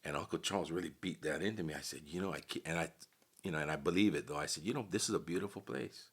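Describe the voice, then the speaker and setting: A middle-aged man from Hawaii, a podcast guest, telling stories in a relaxed, casual chat. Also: deep voice, quick pace, breathy edge. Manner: relaxed storyteller who acts out quoted voices.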